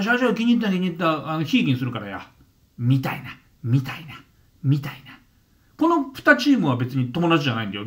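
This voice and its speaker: Animated middle-aged Japanese man telling a story. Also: a little high. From Gunma, Japan. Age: 50s. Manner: animated storyteller who briefly mimics the people he describes; frequent restarts and repeated words. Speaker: channel host. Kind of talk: casual talking-to-camera monologue.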